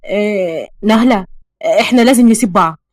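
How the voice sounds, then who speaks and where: A woman's voice: medium pitch, a little fast, no room sound, clean studio sound, close to an everyday voice. A woman with an Egyptian accent voicing a young man in love who pleads and despairs, in a storybook reading. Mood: sad. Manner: pleading, desperate.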